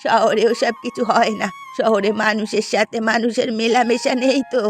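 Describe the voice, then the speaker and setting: With music playing beneath her, a woman voices an older village mother in a cartoon fairy tale, affectionate yet aggrieved. Her natural voice is fairly high, fairly even in intonation, and moderately paced, and she sounds warm as she explains.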